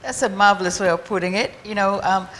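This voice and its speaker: A woman's voice: medium pitch, fairly even intonation, fast, a bit bright, slight background noise. A woman hosting a radio interview, chatty with lots of agreeing murmurs. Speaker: host.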